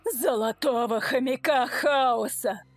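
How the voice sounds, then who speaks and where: Lady putting on a huge weepy thug guy, yells and sobs, higher and louder than her own voice, slow and heavy. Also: expressive, faint music behind. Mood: desperate. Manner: bellowing, tearful, prison slang. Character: burly sobbing businessman, ex-convict gamer, man.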